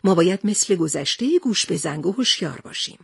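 A woman's voice: fairly low pitch, expressive, gravelly, breathy edge, no room sound, studio quality, heavily acted. A woman voicing a brave male sea captain who speaks steadily and reassuringly. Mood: steady.

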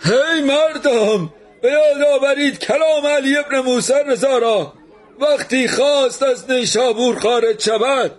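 A man putting on a high, solemn old preacher. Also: steady tone. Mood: declaiming. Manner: solemn, raised declaiming voice.

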